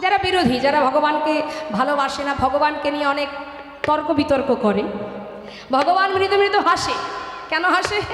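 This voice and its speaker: A woman preaching at a live devotional kirtan program over a loudspeaker system, fervent, asking her listeners rhetorical questions and addressing them as mother. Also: sits high, normal speed, pauses often. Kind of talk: devotional sermon between kirtan songs. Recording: echoey live hall with music.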